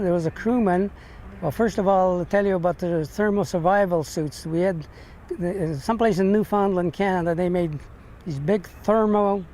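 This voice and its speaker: An older American man, a veteran, remembering his service in an interview, speaking haltingly with long hesitations and repeated words. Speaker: navy ship veteran being interviewed. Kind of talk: reminiscing in an interview. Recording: noisy, with steady background rumble.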